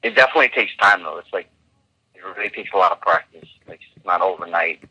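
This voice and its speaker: Low-voiced man on a dull phone line. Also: quick pace, pushed and bright. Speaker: caller. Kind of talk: casual chat on a phone call.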